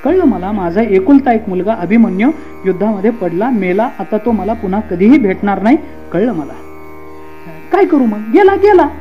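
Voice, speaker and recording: A man voicing a grieving but composed royal mother who answers with calm, reasoning questions. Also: high-pitched, moderate pace, muffled recording, soft background music. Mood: stoic questioning.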